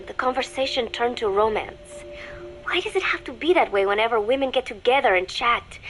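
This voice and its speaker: A calculating young spy disguised as an innocent teenage student, recites her secret game diary in a cool, measured tone. Her dry asides carry a quiet, sardonic edge. Faint music plays far behind her. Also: a little high.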